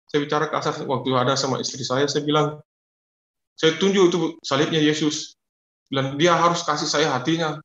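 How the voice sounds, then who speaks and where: A man's voice: a little high, steady tone, a little fast, a bit bright. A man giving an earnest, confessional personal testimony, often repeating himself. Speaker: testimony speaker. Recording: echoey, dull lo-fi audio.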